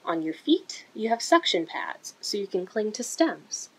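In an indoor room, a woman reads a picture book aloud to young children with a mid-pitched voice that is husky and slightly breathy. Her phrasing is deliberate, expressive, and sing-song, like story time. The audio quality is poor.

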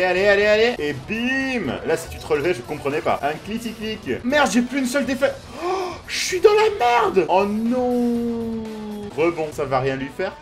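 An excitable man commentating on a video game, swearing casually as he plays. His voice sits high for a man. Faint game music runs behind him. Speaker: gaming video host. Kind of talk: let's play commentary.

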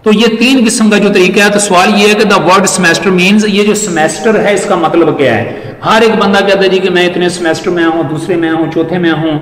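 High-voiced teacher in echoey hall. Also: male voice, fairly even intonation, a bit bright. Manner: repeats key points, reads English lines slowly and deliberately. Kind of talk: exam-prep classroom lecture. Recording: echoey hall with faint noise.

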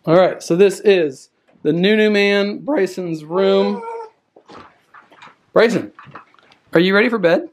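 With a high voice, slow delivery, and long pauses, an American dad in his thirties narrates a casual tour of his home for a vlog, joking with and coaxing his kids. It's captured indoors as a noisy home video on a camera held out at arm's length.

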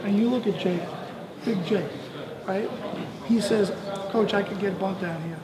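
Male coach with a high voice, encouraging players in an echoey indoor dome. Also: moderate pace. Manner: storytelling, encouraging. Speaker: baseball coach. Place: large indoor sports dome. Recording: echoey dome with crowd noise.

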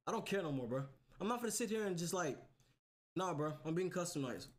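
A man's voice: high-pitched, lively intonation, fast talker. A man doing casual live horror game commentary to his chat, sounding scared, with slangy, profane, repetitive talk. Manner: slangy, profane talk, often repeating phrases. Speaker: video game streamer.

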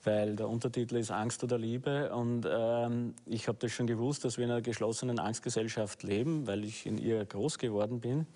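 A man's voice: mid-range voice, fairly even intonation, normal speed, hardly any pauses, warm tone. Middle-aged guy on a talk show, lots of ums, earnest. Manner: hesitant, many fillers, earnest. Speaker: guest author and filmmaker. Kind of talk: studio discussion. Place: studio set with books.

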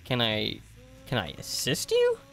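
A man's voice: medium pitch, huge pitch swings, a little slow, fairly bright tone. A young man streaming a video game live, chatting, laughing and joking with viewers. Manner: chatty, laughing, jokey asides. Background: game music.

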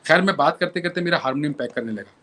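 Animated male musician telling stories. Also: on the high side, fast talker. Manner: lively storyteller, repeats phrases for emphasis. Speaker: violinist and composer, interview guest. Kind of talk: anecdotal interview storytelling.

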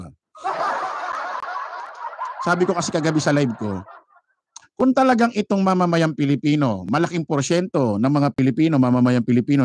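On a live stream, a Filipino vlogger gives casual, mocking commentary on a rally, laughing often and mimicking the chants. His voice is medium in pitch with a darkish tone, and the recording is dry.

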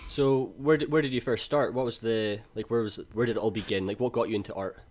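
A man's voice: medium pitch, fairly even intonation, quick pace, darkish tone. A man hosting a podcast, enthusiastic and full of casual fillers. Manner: enthusiastic, many fillers and likes. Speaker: podcast host.

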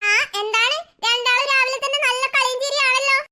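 A woman's voice: extremely high pitch, steady tone, brisk, sharp tone, heavily acted. A woman voicing a fussing, teasing cartoon mother who chides her daughters but cares for them. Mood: chiding. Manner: chiding yet caring.

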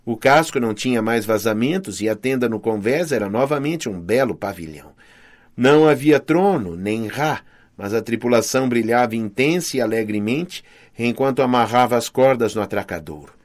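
A man with a Brazilian Portuguese accent narrating a first-person fantasy audiobook in a dramatic, expressive reading. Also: medium pitch, normal speed.

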